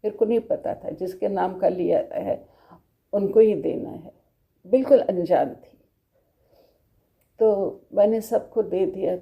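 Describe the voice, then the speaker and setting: A middle-aged woman telling a heartfelt devotional testimony, emotional and dropping into soft murmured prayers. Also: mid-range voice, takes it slowly, gravelly, pauses often, dull audio.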